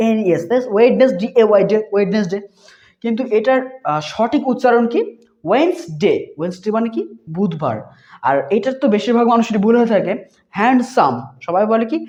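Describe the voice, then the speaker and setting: A woman teacher leads a beginner reading lesson with a very animated, rising and falling voice. She spells words out letter by letter, repeats them slowly, and answers her own questions. The recording is muffled and lo-fi. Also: medium pitch. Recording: dull lo-fi recording.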